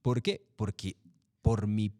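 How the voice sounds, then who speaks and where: A low-pitched man in his middle years talks through voice-over work in an interview. He is relaxed and repetitive, posing questions and answering them himself. The sound is close and dry, with no room around it. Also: takes it slowly, no room sound. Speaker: commercial voice-over artist. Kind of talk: interview, casual explanation.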